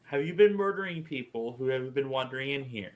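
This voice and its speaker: A man improvising casual role-play as a tabletop game player, halting and repeating his words. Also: medium pitch, expressive, highs cut off.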